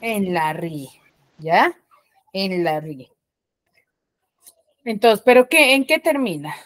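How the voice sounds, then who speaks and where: A woman's voice: mid-range voice, expressive, dry recording. Patient woman teacher on a video call. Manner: patient, keeps checking understanding with quick questions. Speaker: secondary school language teacher. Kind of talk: online class lesson. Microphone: computer mic on a video call.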